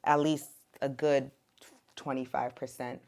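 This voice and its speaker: With a rumbling low, gravelly voice and an unhurried pace, a young woman born in Ethiopia and brought up in America chats on a podcast about motherhood. She's laid-back and leans heavily on "like" and "um."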